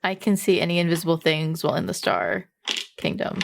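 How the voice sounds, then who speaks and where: A woman's voice: fairly low pitch, steady tone, a little fast, vocal fry, a little hiss or hum. A woman playing a tabletop role-playing game, casually improvising her character's actions and asking questions. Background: background music.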